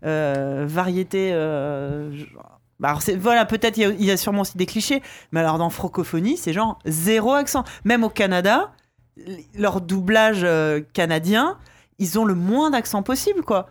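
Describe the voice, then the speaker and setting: A man in casual chat, opinionated and animated, who swears now and then. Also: sits high, normal speed.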